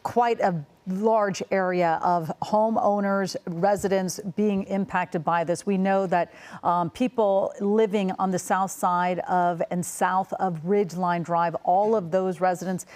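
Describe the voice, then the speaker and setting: A woman's voice: on the low side, fairly even intonation, a little slow, a little mellow. Conversational female news anchor. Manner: conversational, sympathetic, frequent fillers. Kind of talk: live breaking news anchoring.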